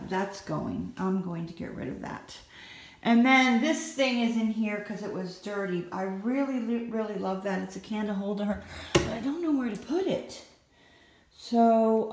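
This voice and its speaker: A woman giving a casual, rambling walkthrough of her bathroom while filming it on a handheld phone, with many fillers. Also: a little high. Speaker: home cleaning vlogger. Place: home bathroom, indoors. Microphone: handheld phone camera. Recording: echoey tiled bathroom.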